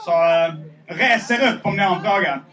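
Halting, high-voiced male live podcast host. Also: recorded from a distance, a loud crowd, poor audio. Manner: hesitant, many fillers. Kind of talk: live podcast chat, reading listener letters. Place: stage at a live show with an audience. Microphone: handheld microphone.

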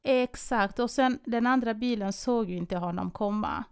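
A woman in her thirties with a fairly high, smooth, clear voice chats casually on a podcast. She tells a story with lots of animation and acts out every quoted line as she goes. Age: 30s. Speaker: podcast co-host. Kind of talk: casual chat.

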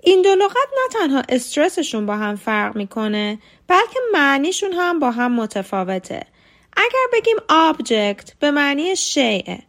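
A woman gives a scripted podcast lesson in a somewhat high voice. She talks clearly and with care. She slows right down whenever she spells out or models a word. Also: fairly bright tone. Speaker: podcast host and English teacher.

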